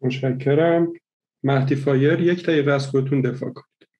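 A man hosting an online party game, counting out votes slowly and methodically. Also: medium pitch, fairly even intonation, a little mellow, lo-fi sound. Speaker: game host.

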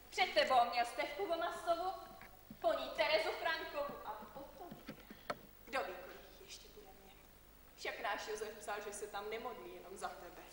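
A woman performs a blunt village aunt who needles her niece and talks loudly for the stage. Her voice sits high. It is heard from a distance, ringing through a big echoey hall over a faint hiss. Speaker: stage actor. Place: theatre stage.

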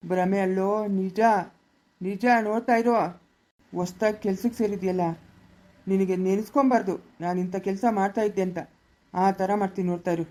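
A woman's voice: fairly even intonation, brisk, warm tone, close to an everyday voice, poor audio. A woman playing a menacing old grandfather. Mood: gloating. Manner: menacing, low threatening delivery. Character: old grandfather, vengeful threatening village elder. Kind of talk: amateur family skit acting.

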